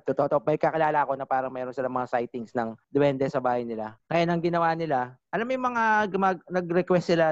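A man co-hosting a casual podcast chat, telling stories in an animated way and laughing often. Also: medium pitch, dry recording. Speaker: podcast co-host. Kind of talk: casual drinking-session chat. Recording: dull, dry lo-fi audio.

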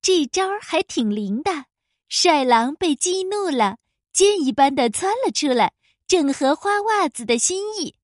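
A woman reading a children's story aloud in a lively, expressive way. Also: high-pitched, measured pace, no room sound, clean studio sound.

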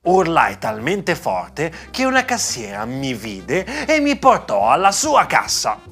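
A man's voice: fairly high pitch, takes it slowly, gravelly, husky. A young man hosting and narrating a children's story, playful and speaking straight to kids. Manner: animated, playful, addresses children.

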